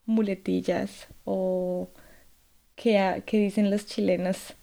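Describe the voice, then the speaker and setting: A woman leads a casual interview with a gravelly, creaky edge to her voice. The recording is dry and close. She searches for her words as she goes. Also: mid-range voice, little pitch movement, takes it slowly, dark tone, no echo.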